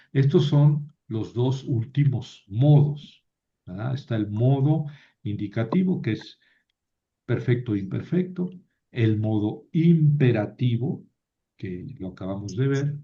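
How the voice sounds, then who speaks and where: A man teaching a language lesson, reading Hebrew aloud slowly and checking in with his students. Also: medium pitch. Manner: reads Hebrew aloud slowly, with many fillers and rhetorical checks. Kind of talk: lecture. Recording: dull lo-fi recording.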